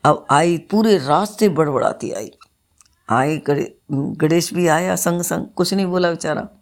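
Woman storyteller, low voice, plain homely telling of religious folk tales. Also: unhurried.

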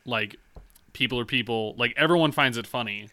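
A man's voice: medium pitch, brisk, sharp tone. A young man in his twenties, co-hosting a podcast in crude casual chat, swearing a lot and telling stories with animation. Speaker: podcast co-host.

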